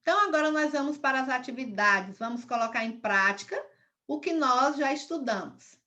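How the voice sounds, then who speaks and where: A woman teacher talks through a recorded lesson for young pupils. Her voice sits a little high and sounds bright and forceful. She goes over every example patiently, one step at a time. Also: expressive, brisk, muffled recording. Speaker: primary school teacher.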